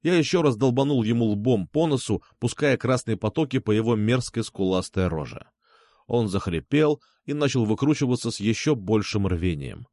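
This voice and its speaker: A man narrating a first-person crime audiobook with a dramatic, expressive reading. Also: mid-range voice, moderate pace, no echo.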